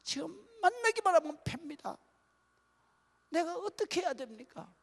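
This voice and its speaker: A man's voice: very high voice, very animated, normal speed, creaky, pitched above the performer's own voice, exaggerated voice. A male pastor voicing a weary, resentful wife who pours complaints into a prayer. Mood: lamenting. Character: weary, resentful praying wife, adult woman. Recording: long church-hall reverb.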